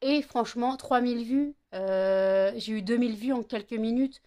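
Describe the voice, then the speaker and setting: A woman in her 30s chats casually in a home vlog, sounding tired and a bit stuffy from a cold. She rambles with lots of fillers and self-corrections. Her voice is a little high and warm, at a moderate pace.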